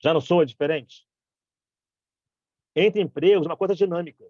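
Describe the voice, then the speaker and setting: A Brazilian man giving a lively public talk at a conference, acting out example dialogues as he speaks. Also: a little high, normal speed, dry recording, lo-fi sound. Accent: Brazilian Portuguese. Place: conference hall.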